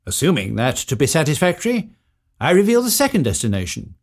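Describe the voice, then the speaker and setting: Punctilious solicitor male actor, officious and precise, animated intonation, audio drama role. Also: fairly high pitch, fairly quick, full character voice. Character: formal, punctilious solicitor executing a will.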